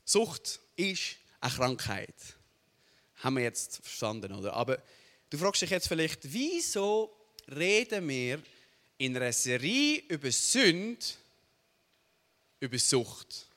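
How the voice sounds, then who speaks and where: Animated Swiss German preacher, bright voice. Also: male voice, a little high, slow pace, long pauses. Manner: animated, asks the audience "oder?" often. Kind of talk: sermon. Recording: long hall reverb.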